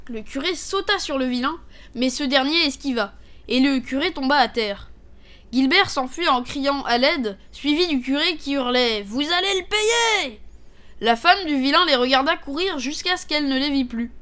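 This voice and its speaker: A woman narrating a storybook fable in a steady, clear reading voice. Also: sits high, normal speed.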